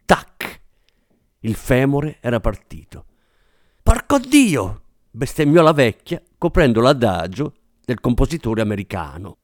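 A man narrates a novel with a lively, dramatic delivery that rises and falls freely. The recording is dry and close to the mic. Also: mid-range voice, measured pace, no echo. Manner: expressive, dramatic, does character voices.

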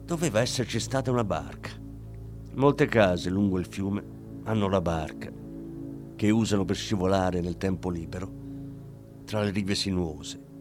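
A man reading a crime story aloud in measured, expressive scripted narration. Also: sits low. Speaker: audiobook narrator. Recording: faint background music.

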